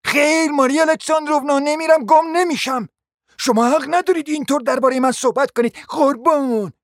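A reader doing a shrill, indignant gossiping lady. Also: dry recording, studio quality. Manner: high, shrill, shouting accusations.

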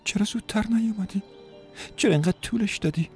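A man voicing a young woman who pleads softly and tearfully with her lover in an audiobook story. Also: faint music behind. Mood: tearful, pleading. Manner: high, soft, pleading.

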